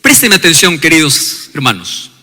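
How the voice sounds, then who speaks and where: A male pastor preaching a sermon, calling for responses from the congregation and building up to shouts. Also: fairly high pitch, huge pitch swings, normal speed, slightly rough, big-room sound.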